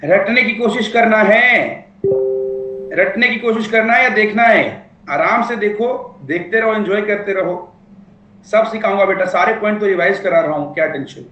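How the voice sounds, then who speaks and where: A man delivers a classroom lecture in a fairly high voice, joking with his students and stretching out key phrases as he dictates them. The room around him rings with echo. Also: bright, forceful tone, muffled recording, slight background noise. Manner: playful, teasing, dictates points slowly. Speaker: law teacher.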